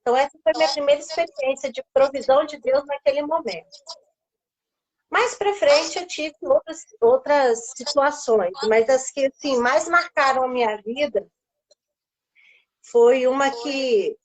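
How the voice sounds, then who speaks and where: A woman's voice: high voice, unhurried, rough recording. A woman with a Brazilian Portuguese accent, a guest on a live stream, telling a personal faith story and acting out the voices she quotes.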